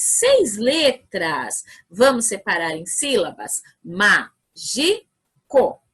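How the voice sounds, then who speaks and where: A Brazilian woman teacher talks small children through a recorded video lesson. Her voice is bright and a little breathy and sits slightly high, rising and falling widely. She moves slowly and patiently, counting out loud with cheerful encouragement. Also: low-quality recording. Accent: Brazilian Portuguese. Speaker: primary school teacher.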